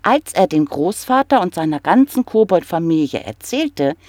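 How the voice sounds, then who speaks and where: A narrator reading a fairy tale aloud in a slow, expressive storybook manner. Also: medium pitch, no echo, studio quality.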